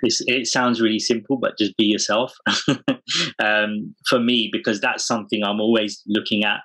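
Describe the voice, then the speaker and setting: Earnest man with a lowish voice. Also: level tone, moderate pace, sharp tone, breathy edge, poor audio. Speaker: podcast guest, parenting community founder. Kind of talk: casual conversational interview.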